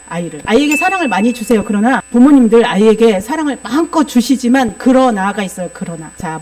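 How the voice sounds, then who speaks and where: A woman's voice: on the high side, a little mellow, a little hiss or hum. A woman preaching a sermon that mixes in psychology teaching, explaining patiently and often asking the congregation rhetorical questions.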